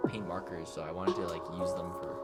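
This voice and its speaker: A man's voice: low-pitched, little pitch movement, a little fast. A young adult man giving casual reaction commentary among friends in a lightly self-mocking way. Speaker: YouTube art channel creator. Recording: loud music behind the voice. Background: music.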